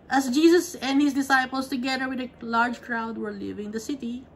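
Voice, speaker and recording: A woman's voice: high-pitched, steady tone, moderate pace, slight background noise. A woman leading a conversational Bible study, reading verses and explaining them, often checking in with her listeners. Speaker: Bible teacher.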